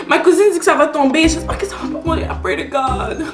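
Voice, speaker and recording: A woman's voice: high-pitched, quick pace, roomy sound, over music. A nineteen-year-old woman with a Québécois French accent, chatting to camera as a YouTuber and switching between French and English. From Canada. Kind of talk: casual chat to camera.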